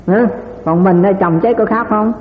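A man's voice: high voice, a little slow, a little hiss or hum. A man giving a Buddhist dharma talk, asking his listeners rhetorical questions with chuckling asides. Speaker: Buddhist teacher. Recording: echoey hall over tinny lo-fi line.

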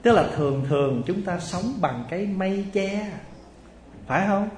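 A lively monk telling a story in an echoey hall. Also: male voice, high voice, normal speed, a little hiss or hum. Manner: animated storyteller acting out voices, laughing with the audience. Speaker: Buddhist monk giving a dharma talk. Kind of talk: storytelling sermon.

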